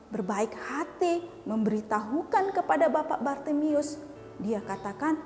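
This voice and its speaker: A woman teaching Sunday school, telling a Bible story to children in a lively way and asking them questions. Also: high-pitched. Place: church hall. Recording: echoey church hall, faint music.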